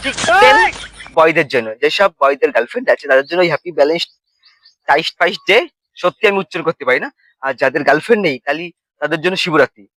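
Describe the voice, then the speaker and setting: A man's voice: on the high side, lively intonation, quick pace, sharp tone, dry recording. A young man with a Bengali accent who rambles through a comic monologue, fumbling his words and slipping into sing-song lines and mock wailing. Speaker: comedy vlogger.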